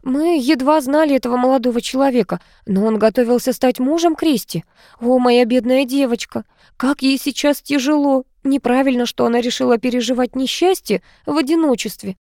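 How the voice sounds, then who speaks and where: A woman voicing an older mother, gentle and anxious, soft and pleading in manner. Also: high voice, fairly quick, dry recording, clean studio sound, pitched above the performer's own voice. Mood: worried.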